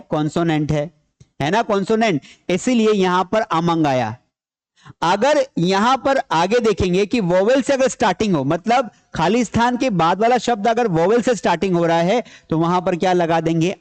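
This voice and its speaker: A man with a high voice gives a grammar lesson to a class. He repeats each point and asks questions he then answers himself. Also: lively intonation, moderate pace. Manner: repeats key points, explains in Hindi mixed with English terms. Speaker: grammar teacher. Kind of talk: classroom lecture.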